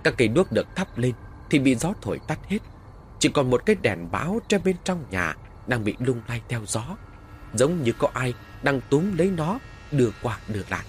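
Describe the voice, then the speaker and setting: A man's voice: medium pitch, sing-song, normal speed, a little hiss or hum. A man narrating a first-person horror story in a dramatic storytelling manner.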